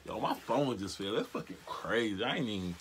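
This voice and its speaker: An American man in his twenties doing a casual prank vlog, talking in a slangy, halting way to a phone and camera in a bedroom. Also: fairly low pitch, animated, background noise. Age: 20s. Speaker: prank caller and video host. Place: small bedroom, indoors. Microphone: device mic at arm's length.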